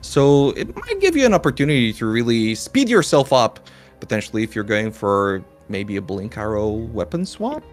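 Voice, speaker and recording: A man co-commentating an esports race, giving lively, upbeat play-by-play with some fillers. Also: mid-range voice, normal speed, soft background music.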